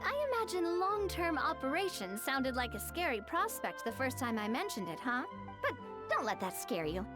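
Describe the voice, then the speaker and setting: An upbeat, encouraging business mentor. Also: female voice, high voice, sing-song, moderate pace. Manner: patient, encouraging explaining. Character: friendly young woman business mentor. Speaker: game character voice. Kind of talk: video game voice acting. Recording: game audio over music.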